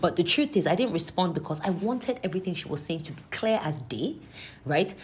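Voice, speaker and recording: A Nigerian woman with a fairly low voice retells a heated run-in. She is emphatic and animated, acting out each quoted line and slipping into Yoruba phrases. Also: breathy edge. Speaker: interviewee. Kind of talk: recounting a personal confrontation.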